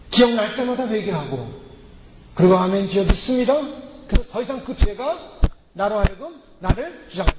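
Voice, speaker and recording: A male pastor preaches with emphasis, his voice very high and swinging widely as he acts out prayers and quoted voices. The sermon is heard in a church sanctuary, with long reverb ringing through the hall. A faint murmur of room ambience sits underneath. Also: a little mellow, a little hiss or hum.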